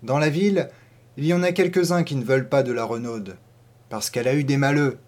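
A man's voice: mid-range voice, brisk, natural voice. A man voicing a talkative middle-aged peasant farm wife who speaks emphatically in a storybook reading. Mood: confiding. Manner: emphatic, warming up, hesitant at first. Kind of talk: audiobook character voice.

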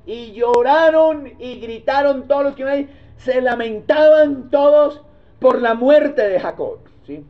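A man's voice: very high-pitched, muffled recording. A man with a Colombian accent, preaching a sermon in a conversational way and asking his listeners rhetorical questions. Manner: calls listeners brother, homely storytelling tone. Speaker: pastor.

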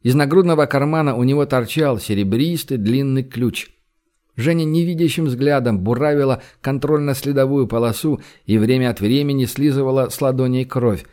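A man's voice: medium pitch, moderate pace, warm tone. Man narrating an audiobook. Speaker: audiobook reader. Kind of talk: scripted narration.

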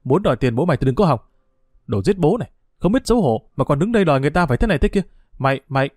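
A man voicing a sly, stubborn village dog thief who taunts and scorns in quick, rough speech. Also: medium pitch, lively intonation, a little mellow, dry recording, studio quality, natural voice. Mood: scornful, taunting.

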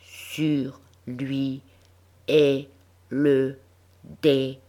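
A little orphan girl reads from a big book, stopping on every syllable in slow, careful, halting steps, as a woman narrator puts her on. The voice stays close to an everyday speaking voice, unhurried and earnest. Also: extremely low pitch, little pitch movement, dark tone, exaggerated voice.

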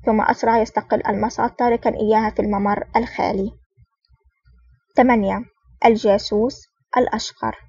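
A woman narrating an audiobook at a steady, fast clip, with small restarts now and then. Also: fairly high pitch, breathy edge, no echo. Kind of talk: audiobook reading of a spy novel. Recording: dull, distant, dry recording.

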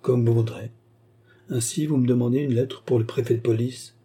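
A man's voice: medium pitch, fairly even intonation, moderate pace, warm tone, breathy edge. A man reading a storybook and voicing a bewildered, indulgent aristocratic baron who exclaims in surprise.

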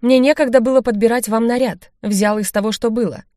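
A woman's voice: medium pitch, expressive, fairly quick, darkish tone, dry recording, studio quality, natural voice. A woman reading the lines of a stern, scheming male baron in an audiobook, firm and commanding. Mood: snappish.

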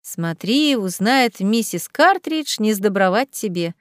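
A woman's voice: mid-range voice, animated, slow pace, no echo, clean studio sound. A woman voicing a bold, mocking young noblewoman in a storybook reading, teasing and self-assured.

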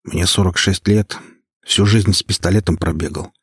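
A man's voice: low-pitched, slightly rough, no echo, clean studio sound. A man playing a cold, menacing gangster boss in his forties. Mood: bitter. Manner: flat, slow, contemptuous.

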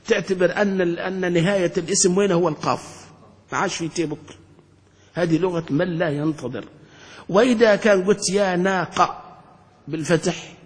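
A high-voiced man teaches grammar as a sheikh, pressing his class with questions. He circles back, repeats himself and restarts half-finished words. His voice rings with a long hall reverb. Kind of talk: classroom lesson explanation.

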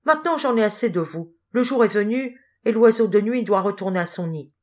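A woman's voice: mid-range voice, animated, fairly quick, a little mellow, voice pushed up, natural voice. A woman voicing a stern, pious old knight who lectures a young thief. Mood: scornful. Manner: solemn, moralizing.

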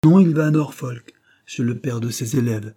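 A weary, patient father with a dry, gentle wit, read by a man. The voice is dark and a little husky, lifted slightly above the reader's own, calm and measured in a storybook. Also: medium pitch, pitched above the performer's own voice, close to an everyday voice. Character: tired, patient middle-aged tutor and father, dry humor.

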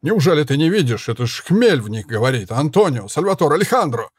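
A man voicing an older mustached guard who urgently shouts to calm the brawlers, fatherly in tone. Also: fairly high pitch, fast, slightly rough. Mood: urgent pleading.

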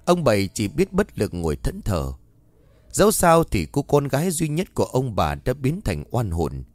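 A man narrating a ghost story with dramatic, expressive telling. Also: mid-range voice, normal speed, no room sound. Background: faint music.

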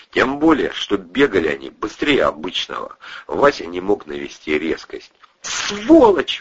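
Low-voiced male audiobook narrator, bright and lively, husky edge, lo-fi. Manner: expressive storytelling with character voices. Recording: muffled lo-fi recording.

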